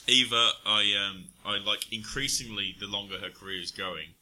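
A man's voice: lowish voice, normal speed, pushed and bright. A man co-hosting a casual podcast, talking in a rambling, hesitant way with many fillers. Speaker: podcast co-host. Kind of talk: casual chat.

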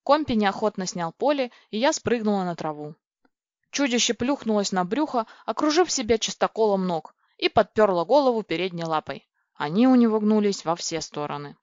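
A woman reading a first-person storybook aloud in a lively, excitable, girlish way. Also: mid-range voice, a little fast, no echo. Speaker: audiobook narrator. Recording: dry, dull lo-fi recording.

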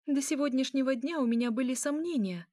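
A willful young vampire princess, ruled by her hunger and quick to whine and snap, voiced by a woman reading the story aloud. The voice sits noticeably higher than the reader's own, petulant and demanding. It is heard close and dry. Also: dark tone, dry recording, close to an everyday voice. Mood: indignant. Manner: petulant, whining.

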